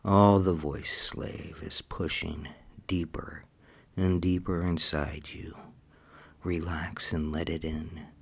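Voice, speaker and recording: A man's voice: low voice, steady tone, slow, gravelly, husky. A man leading a scripted hypnosis session in a commanding, hypnotic manner, slipping into whispers at times.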